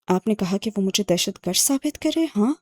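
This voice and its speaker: A woman's voice: mid-range voice, lively intonation, no room sound, clean studio sound, natural voice. A woman reading an audiobook and voicing an indignant young man who fires accusing questions. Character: indignant young man, quick-tempered brother.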